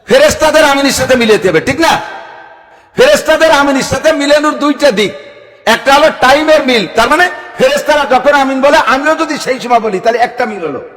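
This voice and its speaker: A man's voice: very high voice, fairly quick, fairly bright tone. A man preaching to a gathering, emphatic and full of rhetorical questions. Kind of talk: sermon at a religious gathering. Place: large outdoor gathering with PA sound. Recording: public address sound with long reverb.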